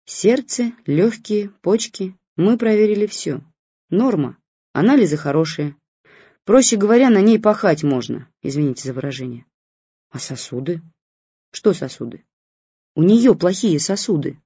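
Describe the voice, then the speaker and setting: Brief: tired blunt lady doctor, read by the narrator, mellow husky voice. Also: mid-range voice, lively intonation, moderate pace, no echo, highs cut off. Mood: exasperated. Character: blunt weary female doctor, exasperated.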